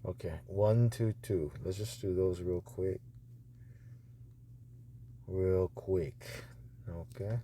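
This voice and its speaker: Reviewing narrator auditions, an audiobook publisher offers a hesitant, thinking-aloud mutter over a noisy phone screen recording. His low, mellow voice moves slowly, pausing often, in casual commentary.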